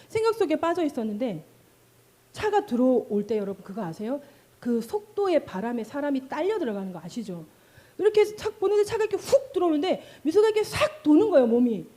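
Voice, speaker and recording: A middle-aged woman preaching a sermon in a high, very lively voice that swoops up and down. Her tone is mellow rather than bright. She tells stories with energy, acting out calls and cries, and keeps asking the congregation questions. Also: brisk. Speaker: pastor.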